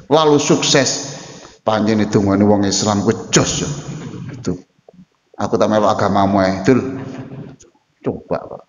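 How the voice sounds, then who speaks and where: An older man with an East Javanese accent preaching and joking with his audience, often switching into Javanese and calling listeners Pak and Bu. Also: on the high side. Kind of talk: lively sermon Q&A with audience. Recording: echoey hall, dull lo-fi sound.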